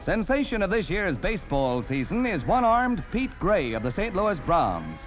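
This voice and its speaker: A man's voice: high voice, huge pitch swings, moderate pace. A man narrating an old 1940s newsreel in an emphatic, declamatory announcer style. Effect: old 1940s newsreel soundtrack. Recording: dull lo-fi old film soundtrack with music. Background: music score.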